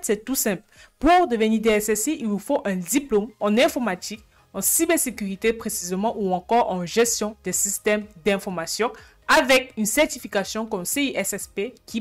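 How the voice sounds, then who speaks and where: A woman hosting an informal explainer, often posing questions to the viewer and answering them herself. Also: mid-range voice. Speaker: YouTube channel host.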